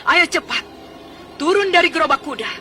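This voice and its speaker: A woman's voice: very high voice, expressive, brisk, sharp tone, heavily acted. A woman playing a fierce, vengeful warrior villain in a radio drama, taunting and commanding. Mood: cold menace. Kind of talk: Indonesian radio drama acting. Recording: distant radio drama sound with music.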